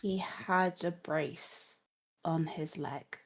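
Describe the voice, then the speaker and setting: A woman voicing a dead woman raised by ritual, who answers in a faint, halting whisper with long pauses. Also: deep voice, fairly even intonation, exaggerated voice. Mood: hollow, distant.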